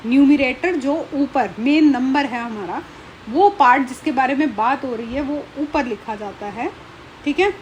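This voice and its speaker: High-voiced woman teacher explaining math. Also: a little hiss or hum, rough recording. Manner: explains patiently with frequent checks like "ठीक है"; counts items aloud one by one. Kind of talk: classroom math lesson.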